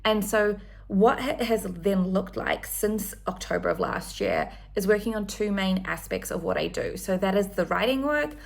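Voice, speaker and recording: A woman's voice: medium pitch, very animated, normal speed, vocal fry. A woman in her thirties, from New Zealand, chatting enthusiastically in a casual one-take vlog with frequent ums. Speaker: vlogger.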